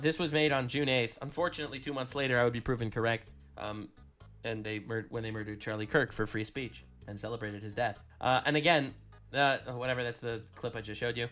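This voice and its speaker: A man's voice: medium pitch, fairly bright tone. A man giving a combative, sarcastic political commentary in a played clip.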